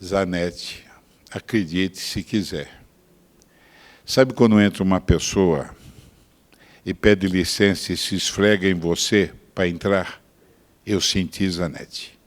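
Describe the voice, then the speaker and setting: An older Brazilian pastor preaching, with a somewhat low voice. He tells a testimony in a lively storytelling way, dropping to quiet asides and then rising to loud, emphatic bursts. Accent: Brazilian Portuguese. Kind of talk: sermon testimony.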